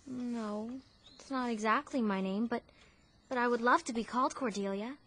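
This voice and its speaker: A woman's voice: a little high, normal speed, fairly bright tone, breathy edge. A woman playing Anne Shirley, an effusive orphan girl. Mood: pleading, earnest. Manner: breathless, effusive, theatrical. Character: talkative imaginative orphan girl, dramatic, romantic. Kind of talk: audio drama acting.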